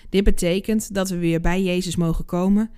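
A woman hosting a devotional podcast, reading a Bible passage and reflecting on it in a calm, measured way. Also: on the low side, clean tone.

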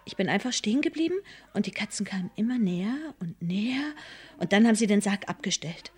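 An actress playing a mother in a radio play, telling of an eerie encounter in a hushed, husky voice. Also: mid-range voice, animated, a little fast. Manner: hushed, spooky storytelling.

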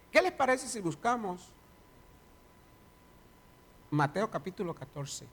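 Male pastor in church, slow and dramatic, high bright voice. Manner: dramatic reading, voice rising and falling. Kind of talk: sermon with scripture reading and prayer.

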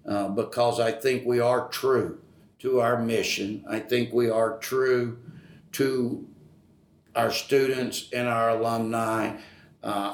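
Slow-talking older man, halting. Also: mid-range voice. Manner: halting, many fillers and restarts, emotional. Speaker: retired college staff guest. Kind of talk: podcast interview. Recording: roomy echo.

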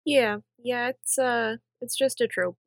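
A woman's voice: a little high, fairly even intonation, measured pace, gravelly, no echo. A woman co-hosting a casual podcast, making brief, matter-of-fact remarks. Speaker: podcast co-host.

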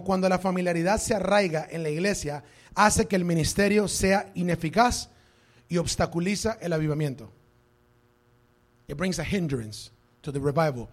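High-voiced preaching pastor. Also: male voice. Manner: emphatic preaching, switching into English phrases. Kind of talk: sermon. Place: church before a congregation.

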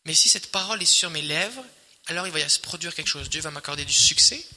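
A man preaching a sermon, emphatic and repetitive, swelling loud and then dropping quiet. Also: a little high, fast talker. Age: adult, married. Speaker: pastor. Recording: long hall reverb.

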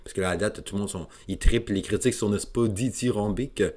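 Québécois male podcast host, fairly low voice, solo and rambling, chatty and loose. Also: fast, darkish tone. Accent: Québécois French. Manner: rambling, casual, self-deprecating with many fillers and restarts. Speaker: video game podcast host.

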